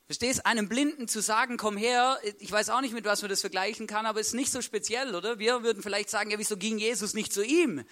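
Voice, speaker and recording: A man's voice: sits high, quick pace, hardly any pauses, fairly bright tone. A male preacher retelling a story in a casual, colloquial way, constantly tagging sentences with a questioning "right?" and acting out the people's lines. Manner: acts out the voices of the story's people. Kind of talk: sermon with storytelling.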